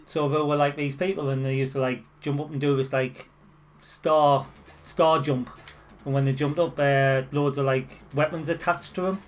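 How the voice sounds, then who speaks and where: A man's voice: a little high, fairly even intonation, moderate pace, a little hiss or hum. A man with a Northeast English Sunderland accent, chatting casually while streaming retro games, full of "like" fillers. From Northeast England. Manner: chatty, nostalgic, frequent "like" fillers.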